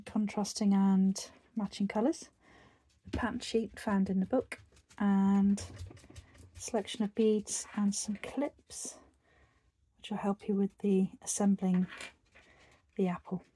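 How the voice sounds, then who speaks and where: Still croaky from a virus, a woman with a husky, warm, medium-pitched voice teaches an embroidery tutorial. She chats and meanders, using plenty of fillers and restarts.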